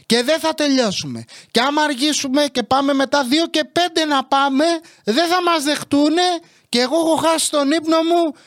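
A man voicing his flustered, bossy mother, who nags and calls out in a shrill, repetitive way as she hurries. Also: no echo, studio quality, natural voice. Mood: complaining. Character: flustered nagging mother, middle-aged, always hurrying.

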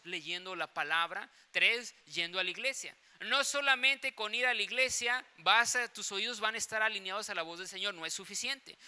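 A man's voice: sits high, bright, forceful tone, clear, resonant tone. A man preaching a sermon, telling stories in an emphatic way and repeating phrases for effect. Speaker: pastor.

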